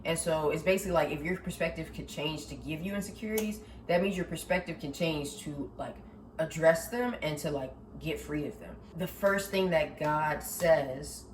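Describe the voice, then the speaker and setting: A young woman in her twenties talking casually about faith and self-worth, lively, laughing often, with lots of slang and "like". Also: low-pitched, moderate pace, distant mic. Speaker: vlogger. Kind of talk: casual faith talk to camera. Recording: roomy echo, slightly off mic, faint background hiss.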